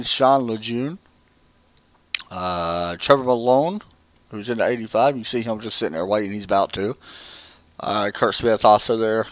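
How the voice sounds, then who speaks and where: This Southern American man calls a sim race live and interviews the drivers in an easygoing, chatty style full of fillers. His voice is mid-range, and the recording has no echo.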